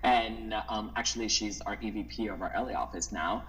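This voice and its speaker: A man from the Dominican Republic, a modeling agent, telling stories in a relaxed, casual interview with many "like" fillers. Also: on the low side, a little fast, slight background noise, low-quality recording. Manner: relaxed storytelling, frequent "like" fillers.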